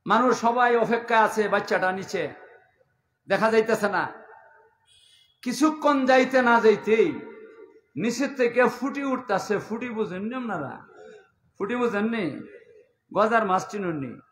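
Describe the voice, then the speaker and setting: High-voiced impassioned Habiganj Bengali preacher. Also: male voice, expressive, measured pace, long pauses, a bit bright, echoey room. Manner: impassioned, chanting cadence with repeated phrases. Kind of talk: sung storytelling sermon.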